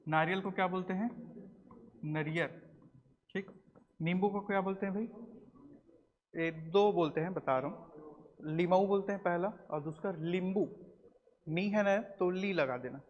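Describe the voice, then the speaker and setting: A man's voice: high voice, normal speed, long pauses. A man, teaching a classroom lecture, quizzing students and repeating their answers. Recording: roomy classroom recording, dull and slightly noisy.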